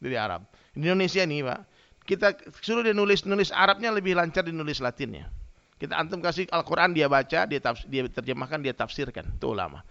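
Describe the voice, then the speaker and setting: Gravelly man preaching with humor. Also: fairly high pitch, fast talker. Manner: lively storytelling, addresses listeners directly. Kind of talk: humorous sermon with anecdotes. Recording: dull lo-fi sound.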